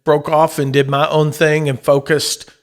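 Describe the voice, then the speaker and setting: A man's voice: on the high side, level tone. A middle-aged man, a professional Santa and auctioneer, telling his story in an easygoing, casual interview. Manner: easygoing storyteller, breaks into quick auctioneer chant.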